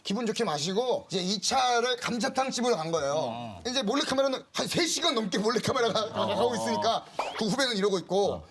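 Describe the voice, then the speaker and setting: A man quickly telling a funny anecdote on a TV talk show, imitating an older colleague. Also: high-pitched, expressive, a bit bright. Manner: quick storyteller imitating a senior's gruff lines.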